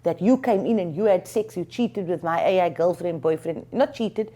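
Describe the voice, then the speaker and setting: A woman attorney explaining legal points in an interview, measured and thinking aloud with frequent fillers. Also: lowish voice, warm tone. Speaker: attorney and lecturer, interview guest.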